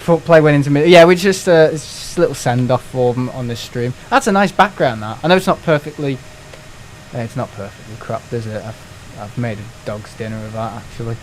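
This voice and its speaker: A man's voice: medium pitch, brisk, a little hiss or hum. A young man streaming live, chatting casually with viewers, joking and swearing now and then.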